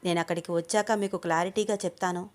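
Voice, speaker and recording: A woman's voice: fairly low pitch, steady tone, fast talker, darkish tone, lightly acted. A woman voicing a worried young man in love, speaking earnestly in a told story.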